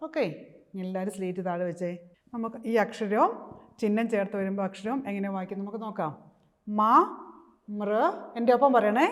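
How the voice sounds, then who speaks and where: A woman with a Malayali accent teaching a kindergarten reading lesson, sounding out syllables slowly and coaxing the children to repeat after her. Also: medium pitch, darkish tone. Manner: slow, coaxing call-and-response with drawn-out syllables.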